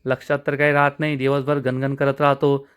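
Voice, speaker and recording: Guy voicing a bossy suspicious brother, snaps orders fast. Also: mid-range voice, completely flat delivery, fairly bright tone, smooth, close to an everyday voice. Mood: scolding. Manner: scolding, impatient commands. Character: bossy hot-tempered young man, suspicious brother.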